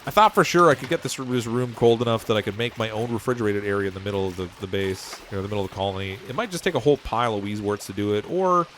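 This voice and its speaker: A man on the low side of the pitch range streams a game, speaking very fast with hardly any pauses in a slightly bright tone. There's a little hiss or hum in the audio. He rambles, chuckles often, and sounds like he's losing his voice.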